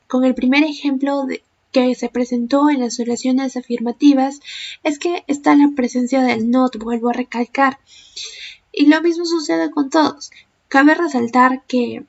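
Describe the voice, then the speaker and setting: A woman with a high voice teaches an online English grammar lesson. She explains each point patiently and step by step. The recording sounds dull and lo-fi. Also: a little mellow.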